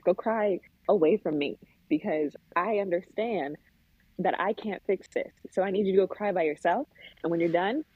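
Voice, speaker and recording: A woman's voice: fairly low pitch, normal speed, slightly rough, no echo. A woman guest in a casual chat, blunt and exasperated, mimicking voices, heard over a tinny phone-like line.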